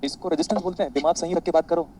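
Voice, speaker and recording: A man teaching an online physics class, animated and boastful, quizzing his students constantly. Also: a little high, racing, poor audio.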